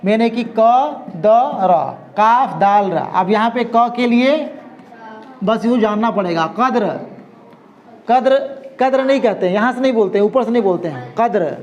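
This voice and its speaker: A man with a notably high voice teaching a language class. He repeats words patiently, sounds them out and keeps checking that his students follow him. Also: moderate pace. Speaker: Urdu teacher.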